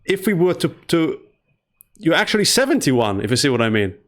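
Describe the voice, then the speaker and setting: A man in his forties hosts a remote interview over a video call. His voice sits a little high for a man, and he presses the guest with probing follow-up questions. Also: very animated, fairly quick, fairly bright tone. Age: 40s.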